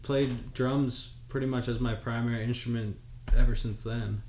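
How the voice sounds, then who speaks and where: A man in his twenties, a drummer guest, telling his story in a relaxed, loose way full of fillers. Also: mid-range voice, moderate pace. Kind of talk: casual interview chat. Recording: echoey room with faint noise.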